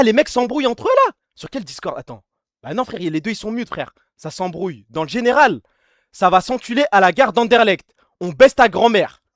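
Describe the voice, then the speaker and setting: A man's voice: high-pitched, a bit bright, dry recording, clean studio sound. A man streaming live, chatting loosely with his chat and callers, mocking and swearing freely. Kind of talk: casual livestream chat.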